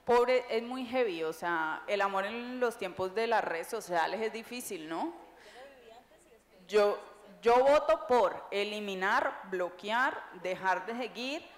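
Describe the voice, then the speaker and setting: A woman, an author speaking on a public panel in a lively, joking, conversational way. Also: medium pitch, slow pace. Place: large echoey library hall. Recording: echoey hall with long reverb.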